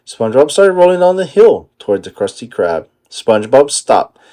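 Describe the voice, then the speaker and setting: Reading a children's picture book aloud, a man tells the story expressively. His pitch is fairly high and his pace fairly quick.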